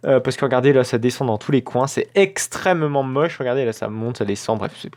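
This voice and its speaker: A man's voice: medium pitch, brisk, a little mellow. A man hosting a let's play, chatting casually as he builds in a game, with frequent filler sounds and self-corrections. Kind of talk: casual gameplay commentary.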